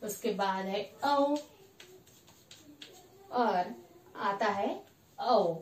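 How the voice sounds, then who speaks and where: Slow, high-voiced woman teaching in an echoey room. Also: a little mellow, recorded from a distance, slight background noise. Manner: slow, repetitive, asks questions and answers them herself. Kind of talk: classroom grammar lesson.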